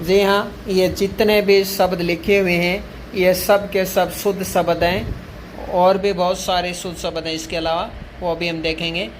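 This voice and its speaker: A male teacher giving an exam-prep grammar lesson, repeating each word slowly to drill it. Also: sits high, little pitch movement, slight background noise, rough recording.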